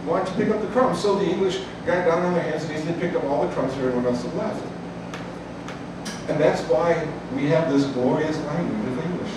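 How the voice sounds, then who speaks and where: Recorded from a distant mic in a cafe full of echo and chatter, this South Side Chicago man in his sixties spins a live tale peppered with folksy jokes. He speaks briskly in a slightly high voice over the noisy room ambience.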